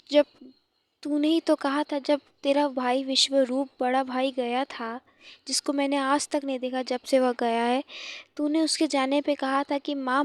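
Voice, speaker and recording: A grieving widowed mother, heartbroken and pleading through tears, as a woman storyteller puts her on. The voice sits high and keeps to a narrow, level line, recorded close and dry with no room sound. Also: darkish tone, no room sound. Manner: tearful pleading.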